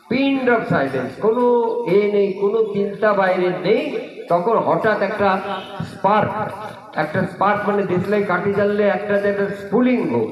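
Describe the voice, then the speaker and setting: A man's voice: high voice, muffled recording. A man leading an outdoor yoga and meditation camp, guiding a group step by step and mixing in a personal story. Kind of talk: spoken instruction to a group. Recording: echoey, crowd murmur behind.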